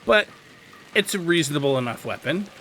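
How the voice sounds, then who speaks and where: Brisk and lively, a man with a fairly high pitch explains gameplay as a guide host. His tone is casual and instructional with a slightly wry edge. Video game ambience is clearly audible.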